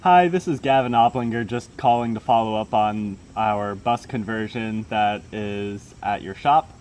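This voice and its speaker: A man's voice: fairly low pitch, unhurried, darkish tone, a little hiss or hum. A man vlogger leaving a polite, slightly hesitant voicemail asking a repair shop for an update. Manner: polite, hesitant business request.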